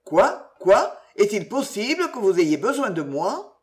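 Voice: medium pitch, big pitch swings, normal speed, close to an everyday voice. A reader voicing a crafty, pompous old Scottish inn waiter who preaches with mock virtue. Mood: startled.

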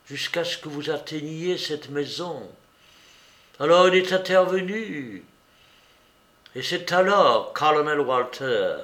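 A man voicing a sharp-minded male detective who lays out his case against a suspect in a measured, accusing way, in a storybook reading. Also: a little high, roomy sound.

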